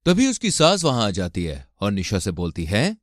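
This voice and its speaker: A man narrating an animated family drama in a scripted storytelling manner. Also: on the low side, moderate pace, dry recording, clean studio sound. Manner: lively storytelling.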